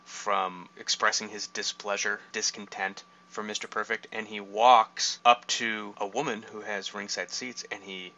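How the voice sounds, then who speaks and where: A man's voice: on the low side, level tone, measured pace, hardly any pauses, pushed and bright, dull audio. A man hosting a podcast, casually recapping a wrestling show with asides. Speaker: podcast host.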